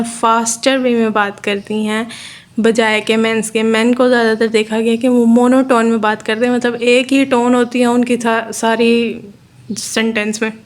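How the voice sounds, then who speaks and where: A woman from Pakistan with a Pakistani accent, giving a steady, explanatory lecture and repeating her points. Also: fairly high pitch. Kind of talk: explaining a lesson in Urdu mixed with English terms.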